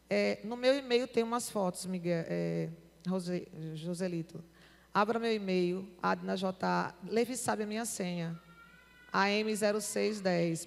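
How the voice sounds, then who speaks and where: A woman's voice: medium pitch, gravelly. A woman with a Northeastern Brazilian accent, giving a testimony in church and acting out the dialogue of her story. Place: church hall. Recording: reverberant church hall.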